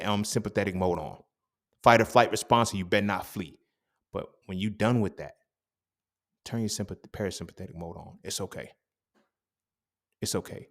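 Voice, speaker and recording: A young man with a fairly low voice talks straight to his listener in a loose, profane monologue. He drives his points home with emphasis and keeps asking whether you feel him. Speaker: podcast host. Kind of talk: casual motivational monologue.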